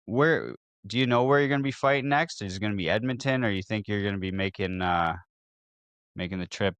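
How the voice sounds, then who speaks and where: A man from Ontario co-hosting a podcast, asking halting questions with lots of fillers. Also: on the low side, fairly bright tone, clear, resonant tone, dry recording. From Hamilton, Ontario. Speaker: podcast co-host. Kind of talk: casual interview.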